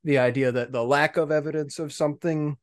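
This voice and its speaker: A man's voice: a little high, brisk, no echo. A young man co-hosting a gaming podcast in casual chat, easygoing and given to trailing off and repeating himself. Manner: relaxed, trails off and repeats words. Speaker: podcast co-host.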